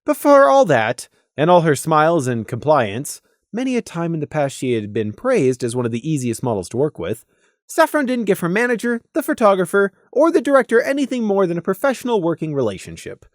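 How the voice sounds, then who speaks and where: An audiobook narrator reads scripted fiction with dramatic expression. The mid-pitched melody is very lively, broken by deliberate pauses, and the recording is dry with little room sound.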